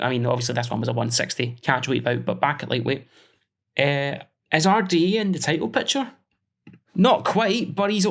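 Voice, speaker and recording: A man's voice: fairly high pitch, gravelly. A man hosting a solo podcast, thinking aloud with many fillers and self-corrections as he talks through fight matchups. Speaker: podcast host.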